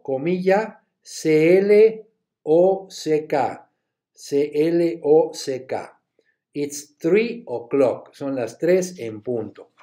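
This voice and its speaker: Slow, spelling-out male teacher. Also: a little high, mellow. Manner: slow, spells words letter by letter; switches between Spanish and English. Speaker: English teacher. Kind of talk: recorded class lesson.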